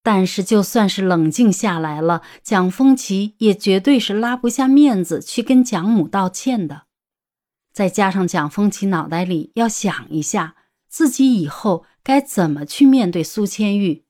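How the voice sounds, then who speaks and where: A woman narrating an audiobook romance story in a steady storytelling manner. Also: mid-range voice, a little slow.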